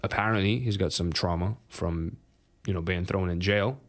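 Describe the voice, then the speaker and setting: A man's voice: low-pitched, normal speed. A young man co-hosting a podcast, casual and sweary, laughing often. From Romania. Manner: animated, sweary, laughs a lot. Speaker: podcast co-host. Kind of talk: casual chat.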